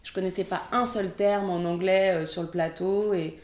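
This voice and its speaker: A woman's voice: lowish voice, fairly even intonation, moderate pace, darkish tone, roomy sound. A French woman in her thirties, a film assistant director, chatting candidly in an interview with many fillers. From France. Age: 30s. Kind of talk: casual interview.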